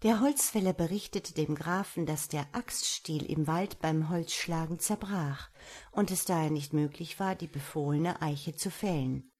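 A woman narrating a fairy tale in a slow, measured storytelling voice. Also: sits low, a little mellow, slightly rough.

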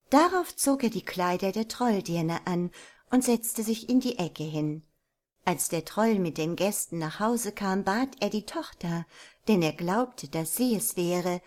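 A woman reading a folk tale aloud as a storyteller, narrating calmly and evenly. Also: medium pitch. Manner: calm, measured narration.

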